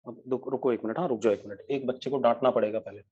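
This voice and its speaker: Male physics teacher, brisk and scolding, live online lecture. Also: mid-range voice, warm tone, slightly rough, highs cut off. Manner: brisk, scolds students by name.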